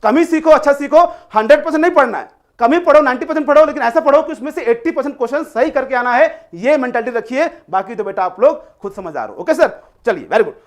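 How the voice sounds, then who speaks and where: A man's voice: extremely high pitch, lively intonation, fast. A man teaching a live online class, coaxing and repetitive, freely mixing English phrases into his explanations. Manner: coaxing, repetitive, mixes English phrases, calls students "beta". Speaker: online tutor.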